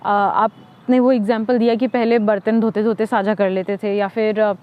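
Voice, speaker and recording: A woman from India, talking reflectively as a podcast co-host, pausing often on "uh" and mixing in English words. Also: medium pitch, little pitch movement. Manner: reflective, many "अ" fillers, mixes English words. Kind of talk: conversational podcast talk. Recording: slightly dull lo-fi audio.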